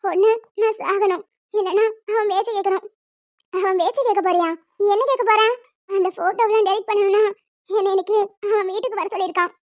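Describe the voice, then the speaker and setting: A woman voicing a very high-pitched distressed young student. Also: fairly even intonation, fairly quick, darkish tone, dry recording, muffled recording. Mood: worried.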